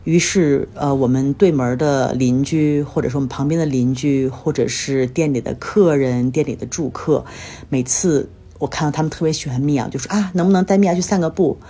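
With a bass voice, steady tone and moderate pace, this woman sounds mellow with a breathy edge. She's from China and hosts a solo podcast, casually recounting everyday happenings in a chatty way while seeming weary and slightly unwell.

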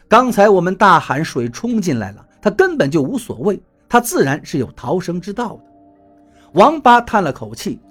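A man reading a first-person story aloud in an expressive way, moving between tense and wry. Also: sits high, husky. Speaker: audiobook narrator. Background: faint music.

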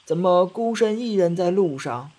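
A man voicing a kindly old woman in a children's story, speaking slowly, softly and coaxingly. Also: high voice, expressive, pitched above the performer's own voice. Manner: slow, soft, coaxing.

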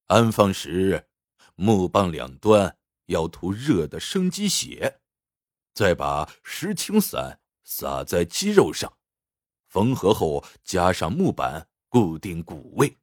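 A man voicing a cold, menacing army colonel who interrogates a captive, speaking slowly and deliberately in a husky, lowered voice. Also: sing-song, dry recording, clean studio sound, full character voice. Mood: coldly lecturing. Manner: cold and slow, deliberate threats.

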